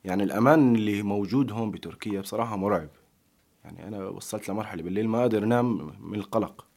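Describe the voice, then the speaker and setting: A man's voice: lowish voice, rapid-fire, vocal fry, a little mellow. A man with a Syrian Aleppine Arabic accent, speaking as a guest in conversational interview answers. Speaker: guest singer and actor.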